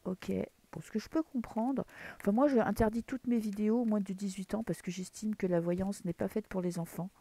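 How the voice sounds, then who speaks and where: Speaking a little fast in a warm, steady, medium-pitched voice, a French-accented tarot reader chats casually over her cards. She rambles with many fillers and restarts, in a dim room at home early in the morning.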